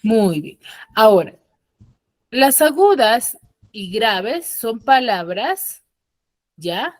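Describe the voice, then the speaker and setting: A woman's voice: on the high side, big pitch swings, extremely slow, no room sound, clean studio sound. A woman teaching an online class, patiently explaining and often checking that her students follow. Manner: patient, asks frequent check questions. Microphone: computer mic on a video call.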